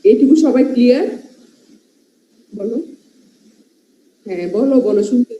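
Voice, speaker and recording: A woman's voice: a little high, a little slow, dark tone, a little hiss or hum. A woman with a Bangladeshi accent gives a medical lecture, switching between Bengali and English and listing terms while checking in with "right?". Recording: muffled, echoey classroom recording.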